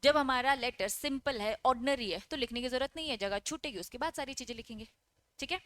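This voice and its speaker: Bright-voiced woman teacher lecturing. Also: sits high, fairly quick. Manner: asks students questions and answers them herself; reads English lines from the text, then explains them. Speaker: exam-prep teacher. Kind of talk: online lecture.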